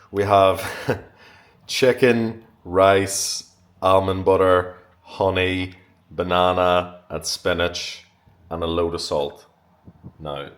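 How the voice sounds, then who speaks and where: Young fitness vlogger dude, low steady voice, chatty and upbeat, swears a lot. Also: male voice. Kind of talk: casual talk to camera.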